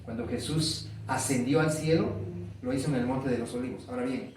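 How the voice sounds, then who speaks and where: A man's voice: mid-range voice, fairly even intonation, fairly quick, a little mellow, very echoey, recorded from a distance, a little hiss or hum, poor audio. A man preaching a sermon, asking the congregation questions and repeating key words.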